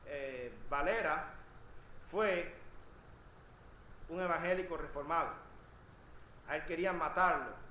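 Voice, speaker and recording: Male pastor, passionate sermon delivery, high, bright tone, echoey sanctuary. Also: takes it slowly, long pauses, a little hiss or hum. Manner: impassioned, swings from quiet asides to shouted emphasis. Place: church sanctuary. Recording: echoey church room.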